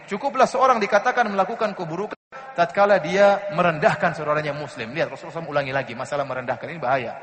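Male preacher, high voice, rapid earnest delivery, long hall reverb. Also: a bit bright. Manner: earnest, rhetorical questions, recites Arabic verses. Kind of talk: religious lecture.

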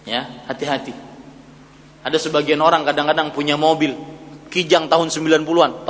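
A man in his forties preaching a sermon, emphatic, asking rhetorical questions and swinging between loud and hushed. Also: fairly high pitch, husky, in a large hall. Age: 40s.

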